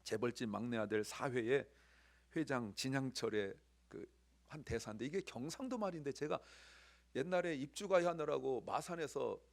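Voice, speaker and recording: A man preaching a sermon as pastor, animated, swinging from loud emphasis to near whispers. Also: medium pitch, normal speed, creaky. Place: church sanctuary.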